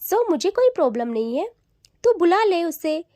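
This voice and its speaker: A bossy young newlywed who snaps back and scolds her friend with quick retorts, as a woman narrator puts her on. Her voice sits high but warm, dry and close to the mic. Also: big pitch swings, dry recording. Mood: bossy, teasing.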